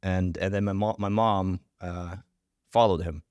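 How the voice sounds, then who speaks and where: This is a man, talking as a podcast guest. His voice sits very low, and the recording is dry and close. He talks in a relaxed, rambling way with a playful edge. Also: measured pace, clear, resonant tone, dry recording. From Estonia. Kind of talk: casual interview chat.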